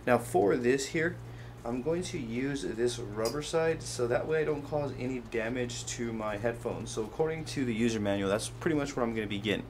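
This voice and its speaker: Hosting a hands-on product how-to, a man describes each step casually as he goes, his mid-range voice moving at normal speed with hardly a pause. Background noise can be heard.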